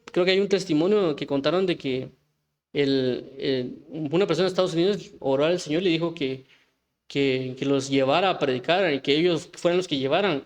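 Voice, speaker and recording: A man preaching an informal sermon, talking conversationally with frequent restarts and rhetorical questions. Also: a little high.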